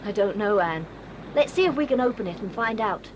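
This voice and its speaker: A woman's voice: mid-range voice, animated, a little fast, lightly acted. A woman playing Julian, a sensible boy who leads the other children, earnest and bossy in a 1980s audio drama. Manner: earnest, bossy, takes charge. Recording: hissy old cassette tape.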